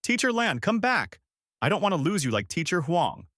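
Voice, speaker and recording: A man's voice: sits high, big pitch swings, normal speed, fairly bright tone, no room sound, studio quality, voice pushed up. A man voicing a frightened young schoolboy crying out in a story.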